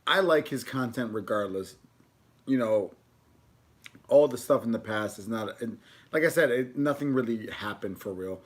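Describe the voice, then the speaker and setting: A man's voice: medium pitch, moderate pace. Casual rambling man on a livestream. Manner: informal, rambling, slangy. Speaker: food video creator.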